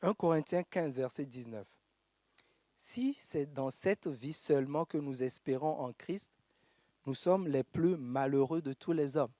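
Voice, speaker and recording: A man from Togo, preaching a sermon in a church and reading scripture aloud with measured pauses. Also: fairly high pitch, warm tone, no echo. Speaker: pastor.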